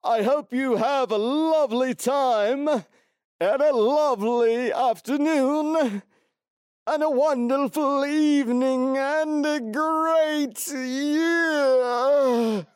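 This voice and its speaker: A man putting on a high, sing-song voice as an overeager game show host greeting his audience. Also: drawn-out words, no echo, studio quality, heavily acted. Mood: chirpy.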